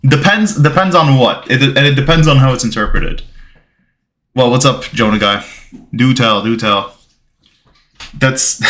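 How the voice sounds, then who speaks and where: Bright-voiced Bulgarian-born streamer man. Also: mid-range voice, slight background noise. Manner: rambling, reads chat aloud, thanks followers. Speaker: gaming livestreamer. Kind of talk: casual livestream chat.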